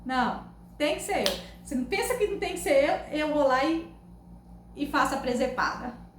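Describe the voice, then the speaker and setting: A woman with a Brazilian Portuguese accent, telling funny stories to her camera in a loud, animated, laughing way. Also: high voice, normal speed. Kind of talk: casual storytelling to camera. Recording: echoey room, faint background noise.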